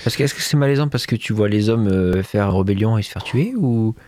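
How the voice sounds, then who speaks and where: A man's voice: on the low side, fairly quick, a little mellow, dry recording, clean studio sound. A man co-hosting a casual film chat in an informal, slangy and enthusiastic way. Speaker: film discussion podcast co-host.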